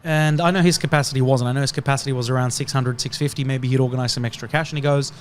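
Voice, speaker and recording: A man on an investing panel telling a client story in casual chat, halting and repeating words as he goes. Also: mid-range voice, fairly even intonation, slight background noise.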